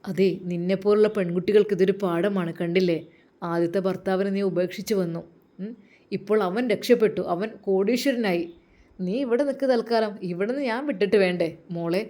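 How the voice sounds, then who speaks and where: A woman's voice: medium pitch, brisk, mellow, natural voice. A woman voicing a harsh husband who taunts and scolds his wife, in a told story. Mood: mocking.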